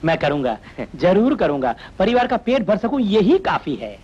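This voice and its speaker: An actor dubbing a comic, whiny middle-aged police constable who pleads and complains in a self-pitying way. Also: male voice, sits high, very animated, moderate pace, darkish tone, breathy edge, full character voice. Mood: grumbling. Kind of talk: Hindi film dubbing. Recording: dull lo-fi dubbed film audio.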